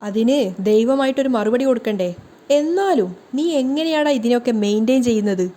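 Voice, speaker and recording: Scolding sarcastic young man, read by a woman, light high voice. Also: expressive, a little fast, mellow, lightly acted.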